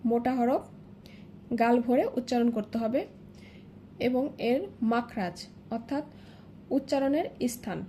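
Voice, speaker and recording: Woman teacher going through letters slowly, bit high voice, faint hum behind. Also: warm tone. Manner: patient, repeats each sound several times. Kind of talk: slow step-by-step lesson.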